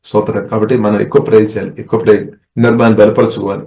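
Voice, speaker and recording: Male pastor from India preaching a sermon, low-pitched, halting with restarts, recorded in an echoey room. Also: flat delivery, warm tone. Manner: halting delivery with frequent restarts and filler phrases.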